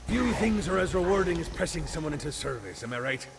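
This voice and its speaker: An actor playing a boastful pirate captain from hell, talking in pirate dialect with a gravelly voice, in a video game. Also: male voice, a little high, animated, quick pace, a little hiss or hum. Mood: swaggering.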